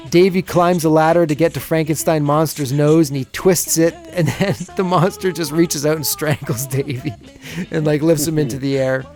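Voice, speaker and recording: A man's voice: on the high side, darkish tone. Chuckling man recapping on a podcast. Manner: chuckles often while recapping. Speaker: podcast co-host. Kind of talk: casual episode recap.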